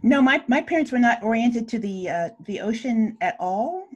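A woman's voice: fairly high pitch, expressive, moderate pace, muffled recording. A woman in her sixties, raised in Hawaii, speaking on a video call panel and hesitating often with filler sounds. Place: home room.

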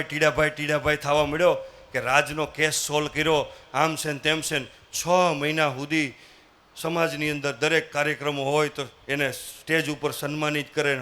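High bright storyteller man. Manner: lively folksy storytelling, acting out characters and prompting the audience to answer. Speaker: motivational speaker. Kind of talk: live motivational storytelling.

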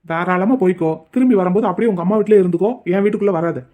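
A man voicing a gruff, stubborn middle-aged village husband in a cartoon, who scolds in quick, curt retorts. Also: sits high, mellow, close to an everyday voice. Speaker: cartoon character. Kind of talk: cartoon voice acting.

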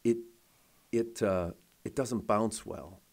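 Lower-voiced man hosting live radio. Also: slow, a little mellow. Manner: explains with everyday examples, tags points with "right?". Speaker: radio host. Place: radio studio.

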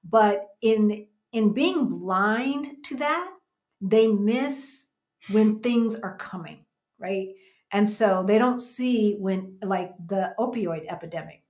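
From a small room in her home, a woman in her fifties from the United States co-hosts a laid-back livestream and reads out what viewers comment. Her medium-pitched voice has a darkish tone and a slow pace, and she talks emphatically, repeating phrases for emphasis.

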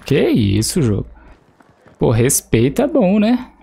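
A man's voice: fairly high pitch, huge pitch swings, takes it slowly, creaky, warm tone, breathy edge. A young Brazilian man with a Brazilian Portuguese accent, joking and swearing casually as he streams gameplay and talks to teammates. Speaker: gaming streamer. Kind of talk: casual live gameplay commentary. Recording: faint game noise behind.

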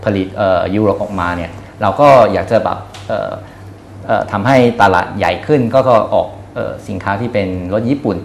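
A man in his thirties answering interview questions as a company guest, hesitant, often pausing and repeating words. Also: fairly low pitch, gravelly, roomy sound, a little hiss or hum. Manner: hesitant, frequent filler pauses and repeated words. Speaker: company executive being interviewed. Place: small indoor showroom office. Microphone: lapel mic.

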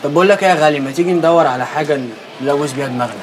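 A man's voice: on the high side, very fast, background noise, lightly acted. An actor playing an idle young man from the street who talks in Egyptian Arabic slang. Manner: slangy, casual.

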